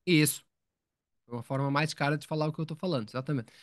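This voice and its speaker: A man's voice: a little high, fairly even intonation, quick pace, no room sound, clean studio sound. A man teaching English in a live online lesson, explaining patiently, repeating words and asking his students questions.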